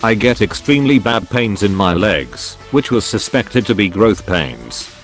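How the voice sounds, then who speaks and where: A man reads out forum posts in a steady, scripted narration. His voice sits on the low side, and soft music plays quietly underneath. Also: unhurried.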